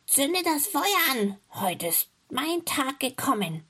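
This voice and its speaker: A woman voicing a cruel, impatient old witch in a storybook reading, with a shrill, scolding manner. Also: big pitch swings, slow, fairly bright tone, breathy edge, full character voice. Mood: commanding.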